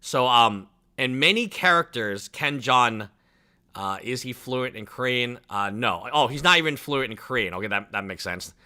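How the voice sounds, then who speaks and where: A man in his thirties from China, whose first language is Chinese, hosts a casual livestream reaction, rambling with lots of "like" fillers. His mid-range voice has lively intonation, a moderate pace and a sharp tone.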